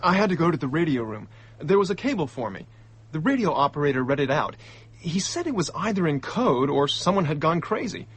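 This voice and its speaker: In a radio drama, a young male diplomat recounts events in an agitated, indignant, hot-headed way, using excitable slang. His voice is fairly high and husky, with a lively swing and a brisk delivery.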